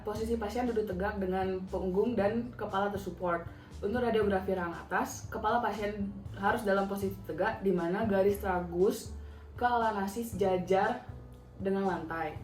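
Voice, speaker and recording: In a reverberant space, a dental student walks step by numbered step through a radiography technique for a skills demonstration. Her mid-range voice stays polite as she addresses a pretend patient; she is a young woman.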